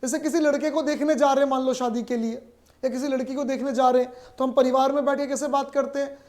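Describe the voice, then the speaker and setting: A man's voice: extremely high pitch, level tone, fast talker, a little mellow. A male teacher giving a classroom lecture. He asks questions, answers them himself, repeats key terms and adds playful, joking asides.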